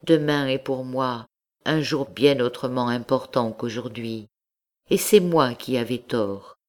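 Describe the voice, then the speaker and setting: A condemned, devout marquise, read by a woman in an audiobook, speaking in measured, formal phrases. The pace is slow and unhurried. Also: a bass voice, darkish tone. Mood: solemn. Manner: measured, formal old-fashioned speech. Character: condemned noblewoman confessing, devout and anxious.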